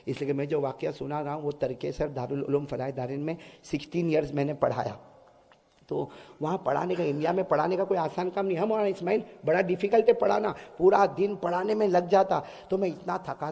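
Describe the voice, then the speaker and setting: A middle-aged man preaching to a gathering, telling stories with jokes and sudden loud exclamations. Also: sits high, creaky. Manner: joking, bursts into loud exclamations. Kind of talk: humorous sermon storytelling. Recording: echoey hall reverb.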